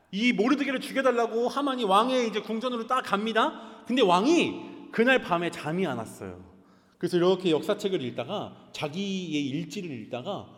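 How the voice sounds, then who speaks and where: Male pastor, lively storytelling sermon, fairly high voice, long church hall echo. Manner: animated, dramatic storyteller asking the congregation questions. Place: church sanctuary.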